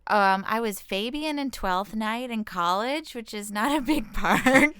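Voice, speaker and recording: Speaking at a measured pace in a fairly high, animated, slightly bright voice, this comedian and actress from Washington state is a guest in a casual interview. She's informal and self-deprecating, thinking aloud, and the recording is clean, dry studio audio.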